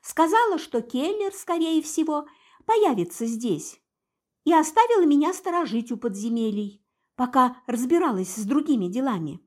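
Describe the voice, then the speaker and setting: A woman voicing a cheerful young mermaid secretary in an audiobook, chatty and excitable. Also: sits high, moderate pace, voice pushed up. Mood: explaining.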